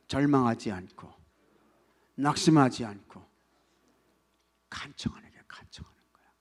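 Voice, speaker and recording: A male pastor preaching a sermon. He swings between loud, emphatic lines and soft near-whispers, and keeps asking the congregation questions. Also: mid-range voice, gravelly.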